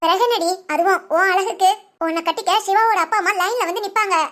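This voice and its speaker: A woman's voice: very high-pitched, fast talker, fairly bright tone. A woman voicing a cheerful young female friend who teases and chats. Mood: teasing. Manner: teasing, chatty. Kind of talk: storybook voice acting.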